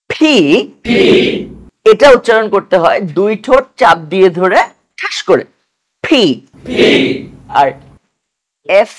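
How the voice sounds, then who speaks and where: A man teaching English pronunciation to a class, drilling letters slowly and patiently for students to repeat. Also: high-pitched. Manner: slow, patient, repeats each sound for students to echo.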